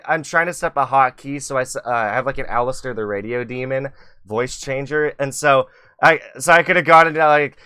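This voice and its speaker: A man's voice: on the high side, sharp tone, clear, resonant tone, no room sound, clean studio sound. A man hosting a live-streamed talk show, rambling and self-mocking, swearing freely as he chats. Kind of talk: casual live-stream chat.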